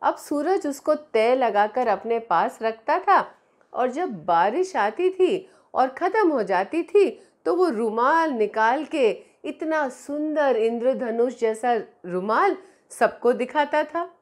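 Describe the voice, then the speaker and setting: This children's storyteller, a middle-aged woman with an Indian accent, talks rapid-fire in a high, animated voice. She addresses young children directly and expressively in a small indoor room, recorded on a clip-on lapel mic.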